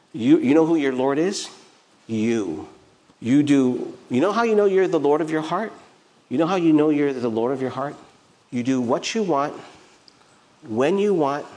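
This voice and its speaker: A man's voice: mid-range voice, darkish tone. A man preaching a sermon as pastor in a church, emphatic, with repeated phrases and rhetorical questions. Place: church sanctuary.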